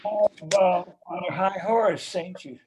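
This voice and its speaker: An actor playing a reluctant, grumbling bachelor at a poker game in a stage play. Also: male voice, high-pitched, slow. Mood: dry. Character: reluctant, anxious bachelor poker player devoted to mother. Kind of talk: stage play acting over a remote reading. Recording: muffled, faintly noisy home recording.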